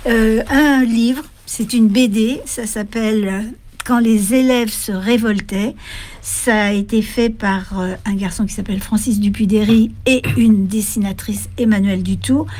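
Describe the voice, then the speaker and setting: A woman panelist giving recommendations in casual radio chat, halting as she searches for words. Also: on the high side, fairly even intonation, a little mellow.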